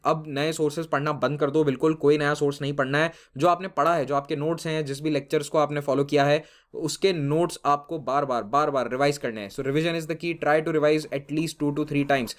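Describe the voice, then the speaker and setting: A man teaching an exam-prep lesson, giving brisk, firm advice to students and mixing in English phrases. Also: a little high. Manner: brisk, direct, mixes Hindi with English phrases; addresses students informally, reassuring and firm.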